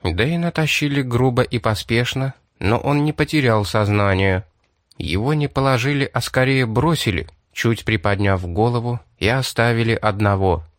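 A man's voice: mid-range voice, dry recording. Man reading a story in a dry voice. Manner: even, measured reading. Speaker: audiobook narrator. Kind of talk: scripted narration.

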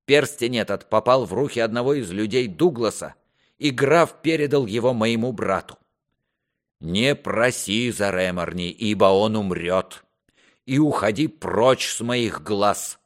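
A man voicing a stern, grieving old king who scolds his son in a raised, forceful voice. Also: lowish voice, lively intonation, measured pace, voice pushed up.

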